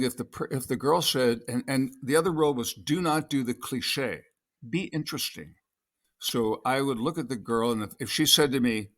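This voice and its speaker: A man's voice: medium pitch, a bit bright. Rambling older man telling stories. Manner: rambling anecdotes with many restarts. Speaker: podcast guest, actor. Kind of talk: casual interview storytelling.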